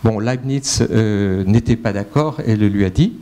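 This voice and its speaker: A man's voice: on the low side, measured pace, mellow. An older man giving an academic conference lecture, hesitant, with many fillers and restarts. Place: lecture hall.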